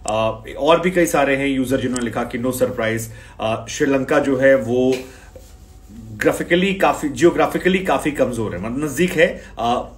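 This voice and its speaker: A man hosts a cricket news show in a conversational commentary style. He speaks directly to his viewers, reading out posts and summing them up as he goes. His voice sits at an ordinary middle pitch. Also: animated, moderate pace. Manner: talks straight to viewers, reads out and sums up posts. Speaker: cricket channel host.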